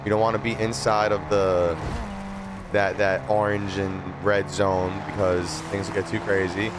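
A young adult game streamer gives casual gameplay commentary and tips, with slangy, repetitive explanations, in a lowish, flat voice that runs a little slow. He sits at a desk in a small streaming room on a close desk mic, with video game gunfire, vehicle noise and ambience behind him.

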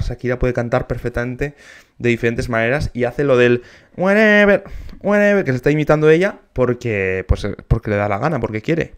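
Musician guy reacting to a video, excited, breaks into little bits of singing, mid-pitched voice. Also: smooth. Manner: enthusiastic, sings short snatches to demonstrate. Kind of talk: casual reaction commentary.

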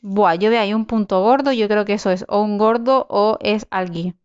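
Woman, young adult, let's-play commentary, smooth clear voice, dull lo-fi sound. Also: medium pitch, moderate pace, darkish tone. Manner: chatty, swearing, exclaiming at the game. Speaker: gaming channel host.

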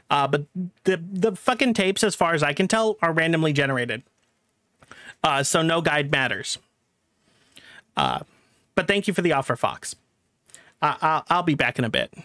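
Male streamer, slightly high voice, dry close sound, constant swearing and stammering, fed up. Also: lively intonation, fairly quick, long pauses, sharp tone, no room sound. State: frustrated and angry. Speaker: game streamer. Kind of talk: live game stream commentary.

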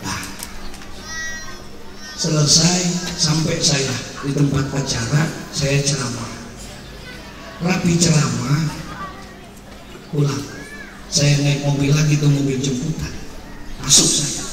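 A man's voice: mid-range voice, slow, long pauses, noisy background. A man preacher, telling a story in a sermon with rhetorical questions, in a mosque hall. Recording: heavy hall echo, distant mic.

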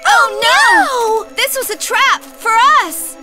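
A woman's voice: extremely high pitch, big pitch swings, takes it slowly, heavily acted. A woman voicing a plucky, cheerful little woodland sprite in a children's cartoon, childlike and exclamatory, with music behind. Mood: defiant, alarmed.

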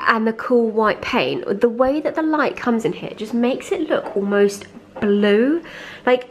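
Filming with a handheld camera at arm's length in her home kitchen, a British lifestyle vlogger with a head cold chats casually to camera. Her fairly high voice rambles, full of "like" and "um," with a little hiss or hum in the recording.

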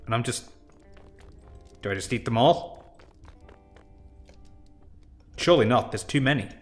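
A man's voice: mid-range voice, expressive, measured pace, faint music behind. Chatty man doing let's-play commentary. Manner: chatty, rambling, self-deprecating. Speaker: game showcase host.

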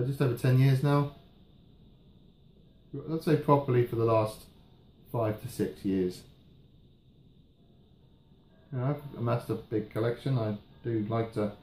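Mellow, rambling British man in echoey room. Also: medium pitch. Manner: relaxed, halting, trailing off. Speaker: pipe tobacco reviewer. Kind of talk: casual rambling review chat. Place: indoors, small room at home. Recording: roomy echo, faint background noise.

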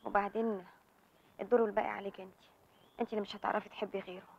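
A woman's voice: medium pitch, little pitch movement, very fast, creaky, breathy edge. An actress with an Egyptian accent playing a blunt young woman who teases and confronts her friend. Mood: frank. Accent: Egyptian Arabic. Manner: blunt, teasing. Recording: slightly muffled film soundtrack.

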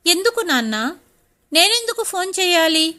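Young wife, stubborn and hurt, pleading, woman reads her, high bright voice. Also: sing-song, normal speed, heavily acted. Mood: upset.

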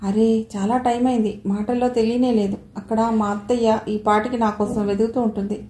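A woman's voice: a little high, little pitch movement, normal speed, dark tone, a little hiss or hum, close to an everyday voice. A woman reading the part of a polite, eager young woman, in a recording with a roomy echo. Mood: earnest.

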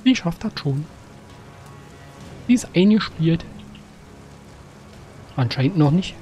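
A man giving casual gameplay commentary, chatting to game characters with sudden excited outbursts. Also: fairly high pitch, takes it slowly. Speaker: gaming let's-player. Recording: faint game music behind.

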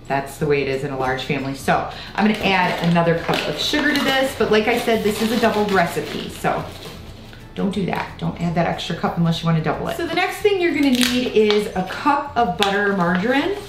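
A woman's voice: lowish voice, noisy background. A woman in her thirties from Iowa chatting through a home baking tutorial in her kitchen, rambling into asides as she works, filmed by a camera set across the room. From Iowa, United States. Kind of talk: casual baking tutorial chat. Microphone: far camera on a tripod. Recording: roomy kitchen with faint music.

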